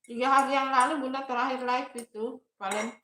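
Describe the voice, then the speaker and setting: Woman streamer, bright clear voice, casual coaxing chat with viewers. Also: high-pitched, fairly even intonation, fairly quick, roomy sound, a little hiss or hum. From Indonesia. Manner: chatty, reads viewer comments aloud, gently coaxing. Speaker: live streamer. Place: home kitchen.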